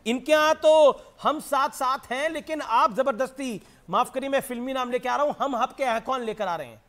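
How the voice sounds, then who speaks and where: A man with a very high voice moderates a televised news debate. He cuts in often and presses the guests with pointed questions. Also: moderate pace, fairly bright tone.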